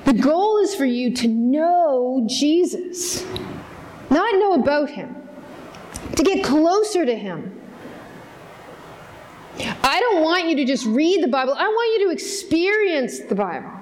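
A woman's voice: high voice, sing-song, slow pace, pauses often, a little mellow, slight background noise. A woman pastor preaching a sermon in an earnest, conversational way, often putting direct questions to the congregation. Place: church service in front of a congregation.

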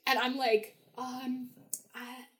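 A woman's voice: sits high, flat delivery, takes it slowly, fairly bright tone. A young woman telling a story as a podcast guest, chatty, with many fillers and frequent laughs. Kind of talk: casual storytelling.

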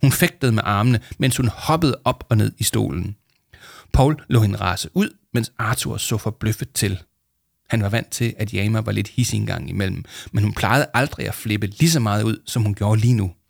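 A man reading a children's storybook aloud in an even, measured way. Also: fairly low pitch, gravelly, dry recording, studio quality.

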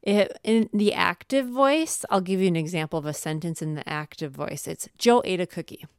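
A woman's voice: on the low side, normal speed, clear, resonant tone, no room sound, studio quality. A middle-aged woman co-hosting a podcast, chatty and playful, laughing often as she talks. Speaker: podcast co-host. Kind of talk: casual chat.

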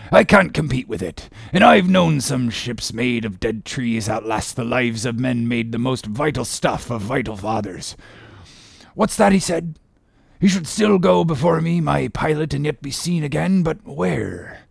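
Gravelly old sea captain Ahab. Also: male voice, medium pitch, expressive, unhurried, no room sound, full character voice. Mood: brooding. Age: older. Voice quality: gravelly, husky. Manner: declamatory, archaic speech. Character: old one-legged sea captain, obsessed, defiant, brooding.

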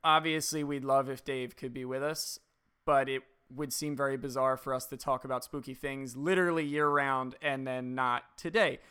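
A man's voice: medium pitch, steady tone, normal speed, pushed and bright, clean tone. A man hosting a podcast in casual chat, joking and wry, recorded in an apartment. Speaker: podcast host. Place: apartment with dimmed lights.

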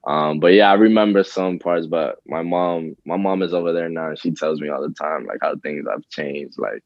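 Young man, very low voice, relaxed and rambling, dry muffled sound. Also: normal speed, no room sound. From Dominican Republic. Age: young adult. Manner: relaxed, rambling with many fillers and restarts. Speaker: rapper guest. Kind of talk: casual interview.

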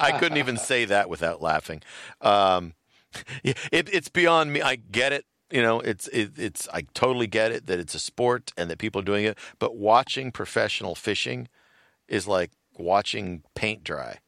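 A man with a very low, deep voice chatting casually as a podcast co-host. He rambles through his thoughts with plenty of fillers and breaks into laughter often. The sound is dry and close, with no room around it. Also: expressive, moderate pace, a bit bright, dry recording. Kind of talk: casual chat.

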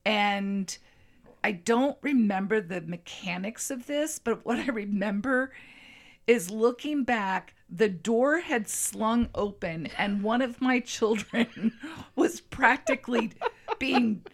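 A middle-aged woman co-hosting a casual chat show, who talks thoughtfully and pauses to search for words. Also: a little high, expressive. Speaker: co-host.

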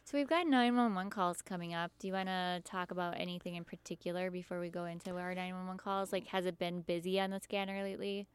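Smooth-voiced woman in casual chat. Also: fairly low pitch, fairly even intonation, fast, few pauses. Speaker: show host.

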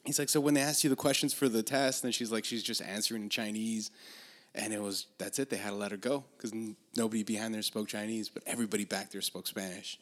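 A man's voice: fairly low pitch, fairly even intonation, fast talker. A man, co-hosting a casual podcast chat and telling stories in a laid-back, profane way. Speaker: podcast co-host.

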